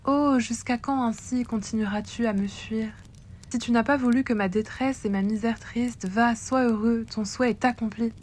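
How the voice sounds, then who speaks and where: A woman's voice: on the high side, steady tone, moderate pace, darkish tone, natural voice. Woman reading as a lovesick cruel sorceress. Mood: lamenting. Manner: wailing recited lament.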